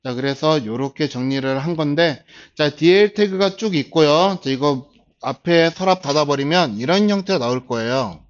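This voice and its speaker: A man in his forties teaching a class, patiently explaining step by step and starting phrases with a drawn-out filler. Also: on the high side. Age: 40s. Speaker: instructor. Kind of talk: classroom lecture. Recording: dull lo-fi lecture recording.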